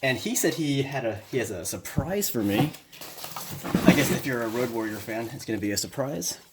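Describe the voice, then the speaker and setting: A man's voice: mid-range voice, expressive, moderate pace, heavy background noise. A man hosting a casual unboxing vlog, chatty and loose, with lots of fillers, moving around the camera mic as he works. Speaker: vlogger.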